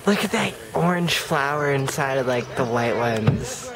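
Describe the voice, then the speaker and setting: A man's voice: mid-range voice, measured pace, crowd noise. A laid-back man chatting and joking with friends while out on a river. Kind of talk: casual chat. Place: outdoors on a river.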